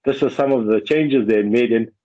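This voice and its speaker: Husky South African Indian man, radio guest. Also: medium pitch, normal speed, mellow, dry recording. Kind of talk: conversational radio interview. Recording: dull, lo-fi radio link.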